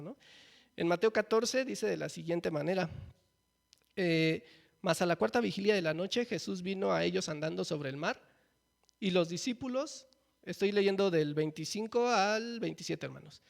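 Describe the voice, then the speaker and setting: A man's voice: high-pitched, creaky. A man preaching a conversational sermon, asking the congregation questions and often adding a folksy "¿no?". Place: church.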